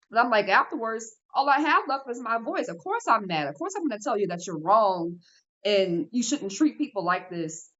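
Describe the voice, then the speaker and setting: A woman's voice: medium pitch, lo-fi sound. A woman, a podcast guest telling a painful personal story in earnest, emotional words, with many fillers. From New Orleans, Louisiana. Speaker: podcast guest, app creator.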